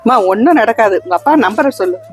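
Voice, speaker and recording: A woman acting as a caring auntie in a comedy sketch, coaxing gently but talking fast. Her voice sits a little high, with faint music underneath. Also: very animated. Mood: gentle. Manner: soothing, coaxing. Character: kind, caring adult woman stranger.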